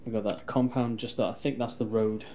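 Lower male teammate on headset, methodical, thinks aloud, dull audio with game noise behind. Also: fairly even intonation, normal speed, warm tone. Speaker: teammate planning the assault. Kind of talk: gaming voice chat, planning.

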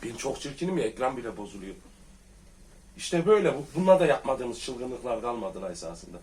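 A man with a mid-range, darkish voice tells rowdy stories from his school days, speaking fairly quickly and with great animation. He's a comedian chatting casually with friends, laughing often and boisterously acting out old exchanges. The mic is distant, with faint background noise.

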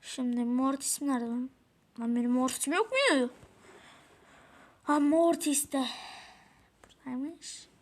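A woman giving casual, excitable gameplay commentary, swearing often and talking to herself as she plays. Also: high-pitched, a little slow, pauses often. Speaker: gamer playing a mobile game.

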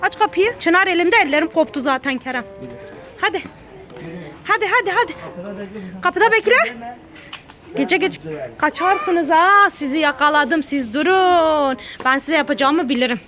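A woman in her thirties, a mother scolding her children and repeating quick commands in a family vlog. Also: extremely high pitch, lively intonation, bright, forceful tone.

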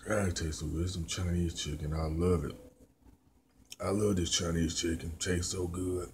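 This vlogger, a man in his thirties born in Memphis and raised in Mississippi, speaks with a Memphis Southern accent as he eats and reviews food, wandering and repeating himself. He talks at a moderate pace in a low voice that barely changes pitch. The indoor clip, filmed on a handheld phone at arm's length, has a noisy background.

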